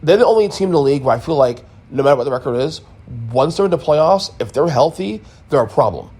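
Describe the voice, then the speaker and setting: A man's voice: a little high, lively intonation, fast, a little mellow, slightly rough. A man hosting a sports podcast, giving a casual, emphatic recap with blunt opinions and repeated points. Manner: emphatic, opinionated, repeats himself, mild swearing.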